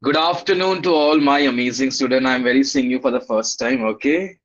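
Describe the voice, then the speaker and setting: A man's voice: medium pitch, brisk, fairly bright tone. A man with an Indian accent teaching a live online class, greeting schoolchildren by name in an upbeat, encouraging, casual way. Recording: dull, lo-fi online class audio.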